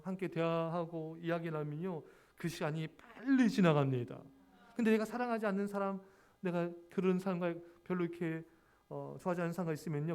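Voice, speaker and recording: A man with a high voice preaches to his congregation and keeps throwing them questions. He teases them when they laugh instead of answering with an amen. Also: darkish tone. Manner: jokes with the congregation, calling out for amens. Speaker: pastor. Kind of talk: sermon.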